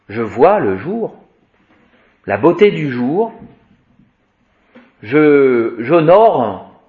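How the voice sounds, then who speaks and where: A man gives a slow spoken Latin grammar lesson. He chants each declension in a rising and falling sing-song, his pitch moving widely. The recording sounds dull and lo-fi. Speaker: Latin teacher.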